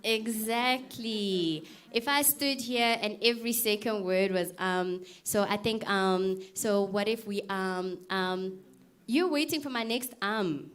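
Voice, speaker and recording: A woman with a smooth, medium-pitched voice and slow pace teaches a live workshop on public speaking. With lively energy she acts out awkward fillers and reactions for effect, and she's direct, asking the audience questions.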